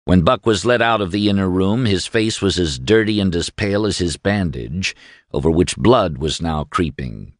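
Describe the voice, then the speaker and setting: A man reading a novel aloud as narrator, in a grave, measured way. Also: sits low, dry recording, studio quality. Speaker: audiobook narrator. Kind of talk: scripted narration.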